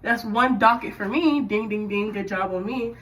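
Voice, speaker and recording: A young woman in the military telling a casual work story while doing her hair, chatty and animated with sudden loud bursts. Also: medium pitch, normal speed, far from the mic, rough recording.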